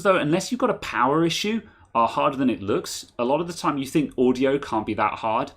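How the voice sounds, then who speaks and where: A man's voice: mid-range voice, fairly bright tone. A man co-hosting a casual tech chat, rambling, restarting sentences and laughing often. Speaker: podcast co-host.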